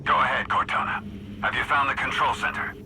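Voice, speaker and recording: An actor playing a steady, authoritative male naval captain in a video game, terse and formal over a radio. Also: medium pitch, brisk. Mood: calm, businesslike. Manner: terse, formal military delivery. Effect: radio transmission. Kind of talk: video game cutscene acting. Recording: faintly noisy radio link.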